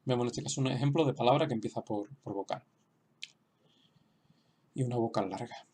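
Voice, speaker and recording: A man explaining a writing lesson slowly, with frequent fillers and restarts. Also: mid-range voice, a little mellow, husky. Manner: hesitant, many restarts and fillers; slow, explanatory. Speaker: language teacher. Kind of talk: online lesson.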